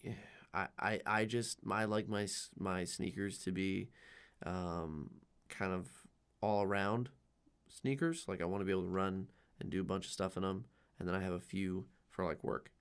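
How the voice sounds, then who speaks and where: Young male podcast co-host, low voice, joking and loose. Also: normal speed, clear, resonant tone. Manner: jokey, animated, swings loud and quiet. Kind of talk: casual chat.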